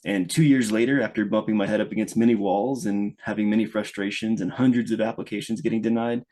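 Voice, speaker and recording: A product manager from Louisiana, appearing as a guest on a conversational podcast interview, tells his story thoughtfully in a lowish, steady, slightly mellow voice. He talks fast, restarts often, and speeds up further when engaged.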